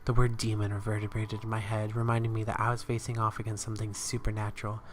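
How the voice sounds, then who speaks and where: A man's voice: fairly low pitch, completely flat delivery, quick pace, a little hiss or hum. A man playing through a visual novel, reading the narration aloud and breaking off for joking asides. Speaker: let's player.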